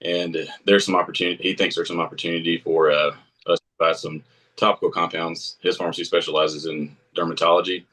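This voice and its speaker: A man from Tennessee introducing himself as a pharmacist on a video call, steady and with fillers. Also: low-pitched, brisk. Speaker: pharmacist applicant.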